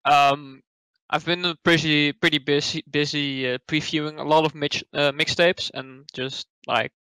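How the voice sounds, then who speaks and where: A man's voice: fairly high pitch, flat delivery, measured pace, pushed and bright, clean tone, no room sound, rough recording. A man with a Dutch accent, a guest in casual online chat, hesitant with many fillers and restarts. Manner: hesitant, lots of fillers and restarts, laughs easily.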